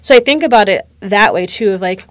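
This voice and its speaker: A bit bright and a little fast, her mid-range voice carries a casual, reflective conversation full of candor and frequent "like"s. She is a woman in her late twenties, recorded with no echo.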